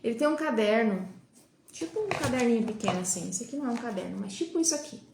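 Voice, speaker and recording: A woman's voice: on the high side, expressive, quick pace, creaky, background noise. A woman with a Brazilian Portuguese accent hosting a live talk, chatting with viewers and asking many rhetorical questions. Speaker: host of a live talk on child development. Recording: roomy echo.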